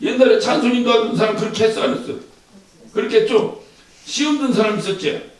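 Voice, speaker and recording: A male pastor giving a sermon in a church. He is animated, chuckles as he preaches, and asks the congregation questions. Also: very high voice, quick pace. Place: church sanctuary. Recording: echoey church hall from far off.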